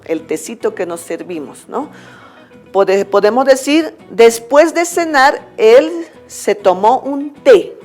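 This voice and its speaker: A Bolivian woman teacher explains a lesson slowly and patiently, her voice a little high. She checks in with her class after each point. Soft music plays faintly behind her. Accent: Bolivian Spanish. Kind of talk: recorded school lesson.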